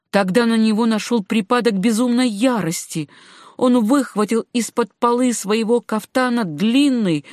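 Woman narrating an audiobook, fairly high voice. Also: no room sound, clean studio sound. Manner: measured, even storytelling.

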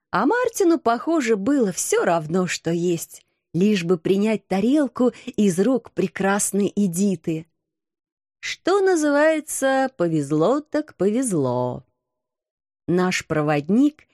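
A woman reading a first-person story aloud with expressive, lively intonation. Her voice is warm and mellow, and the recording sounds dry and close. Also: medium pitch, dry recording. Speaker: audiobook narrator.

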